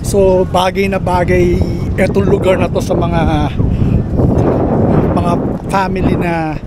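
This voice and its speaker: A man in his thirties with a Filipino accent, chatting relaxed on a casual camping vlog tour, filmed at arm's length outdoors. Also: sits high, slow pace. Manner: relaxed, chatty, points things out while walking. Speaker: camping vlogger. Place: outdoors on a shady beach campsite, later inside a tent. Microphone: handheld camera at arm's length. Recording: clear wind noise on the mic.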